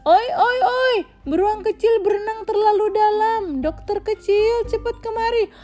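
A woman voicing an excited animal who calls urgently for the little doctor in a storybook. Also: extremely high pitch, normal speed, over loud music, pitched above the performer's own voice. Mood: alarmed. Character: excited animal calling for help, high-voiced.

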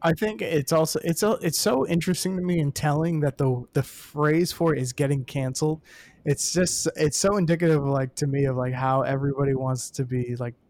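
A man's voice: a little high, steady tone, fairly quick, darkish tone. A young adult man, a comedian co-hosting a podcast, musing aloud and rambling with many restarts. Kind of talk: casual chat.

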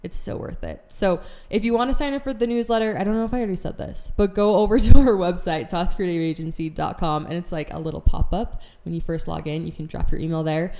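A woman's voice: on the low side, fast, hardly any pauses, warm tone. A young woman hosting a podcast in casual chat, bubbly and gushing, with lots of filler words. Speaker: podcast host.

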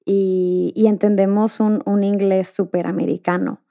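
Host: mexican woman, mexican accent, relaxed chatty manner, warm dark tone. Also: medium pitch, a little slow, vocal fry. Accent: Mexican Spanish. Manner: relaxed, chatty, laughs often, many fillers like "como que". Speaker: podcast host. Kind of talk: casual interview chat.

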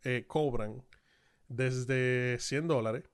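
A man with a Dominican Spanish accent, co-hosting a casual chat and telling stories in a lively, slangy way. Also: medium pitch, drawn-out words, smooth. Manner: animated storyteller, slangy. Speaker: podcast co-host.

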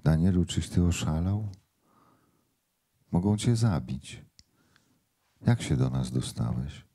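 A man's voice: a bass voice, animated, slow, warm tone, full character voice. A man reading as a torn young mother. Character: young mother torn between love and duty.

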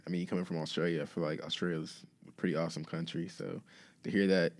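A man hosts a casual interview, asking curious, friendly questions. His voice sits low and he talks at a quick clip. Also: level tone.

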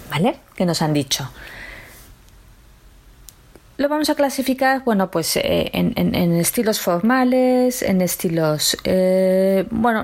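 A woman with a Spain accent teaching a patient radio language lesson and explaining slowly with examples. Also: mid-range voice, darkish tone. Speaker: Spanish teacher and radio host.

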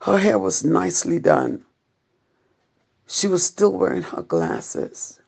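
A preacher delivering an urgent doomsday sermon, solemn and pleading, with repeated calls to repent in a gravelly, husky voice. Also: medium pitch, huge pitch swings, a little mellow. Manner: solemn, pleading, slow, repetitive exhortation with long pauses. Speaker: preacher giving a prophetic warning.

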